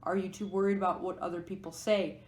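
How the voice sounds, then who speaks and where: A woman's voice: on the low side, level tone, quick pace, darkish tone. A woman giving a pick-a-card tarot reading, musing aloud as she explains each card. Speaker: tarot reader. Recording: echoey room.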